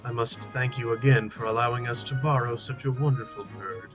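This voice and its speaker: A man's voice: mid-range voice, steady tone, brisk, music in the background, natural voice. Man reading as a formal, courteous knight. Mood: courteous, rueful. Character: courteous, formal, melancholy male knight adventurer.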